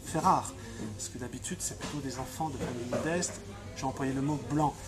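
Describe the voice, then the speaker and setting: A man from Franche-Comté, an activist being interviewed, answers questions with fiery, impassioned emphasis, often restarting and repeating himself. His voice is mid-range and fairly quick, with loud music behind it.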